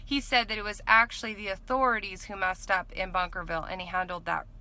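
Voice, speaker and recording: Female, thirties. Bright, forceful tone at a middle pitch, earnest informal recap read from notes. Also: fairly even intonation, fast talker. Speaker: vlogger recapping a court trial. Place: inside a parked car at night. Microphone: phone or camera at arm's length.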